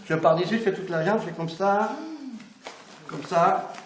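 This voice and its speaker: A middle-aged man demonstrates massage technique, talking steadily to his class and checking in often. His voice sits a little high for a man. The room echoes, with a faint hum of noise behind him. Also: moderate pace. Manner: chatty, keeps checking in with the class. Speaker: massage instructor. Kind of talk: hands-on teaching demonstration. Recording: roomy echo, faint background noise.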